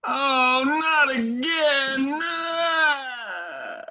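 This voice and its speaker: A woman's voice: sits high, lively intonation, drawn-out words, pushed and bright, muffled recording, slight background noise, full character voice. A woman voicing Captain Hook, disguised as a fussy, dramatic babysitter. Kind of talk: amateur radio play acting.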